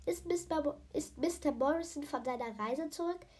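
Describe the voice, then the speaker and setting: A woman's voice: high voice, moderate pace, darkish tone. A woman reading a children's book aloud for her podcast, often stumbling over words and correcting herself.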